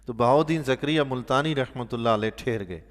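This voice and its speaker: A man, a mosque imam giving Quran commentary, telling stories with animated bursts of loudness and soft, quiet asides. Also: medium pitch, big-room sound. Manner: animated storyteller, voice swelling loudly on emphatic points; drops to a soft, quiet tone for pious exclamations. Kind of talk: sermon-style Quran commentary with storytelling.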